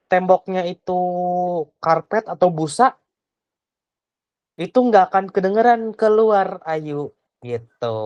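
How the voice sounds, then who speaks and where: A young woman tutors a child online in a low-pitched, slightly mellow voice, captured in poor audio with no room sound. Patient and inquisitive, she often lets sentences trail off with a casual "gitu."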